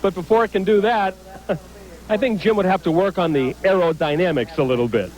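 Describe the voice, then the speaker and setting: A man with a fairly high voice reports from the pits of a motorsport event. He presents and interviews in a broadcast sports reporting style. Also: a little fast, very noisy.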